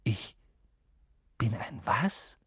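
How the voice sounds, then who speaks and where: A man's voice: a little high, sing-song, slow pace, breathy edge, dry recording, heavily acted. A man reading an audiobook and voicing a timid, curious young boy, raising his voice somewhat for the part. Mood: puzzled.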